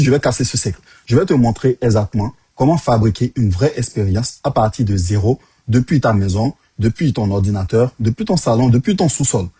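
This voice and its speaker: A man's voice: mid-range voice, warm tone, husky, dry recording. A man in his thirties with an African French accent, giving punchy, direct career advice to the viewer. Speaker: tech career coach. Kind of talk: direct-to-camera advice talk.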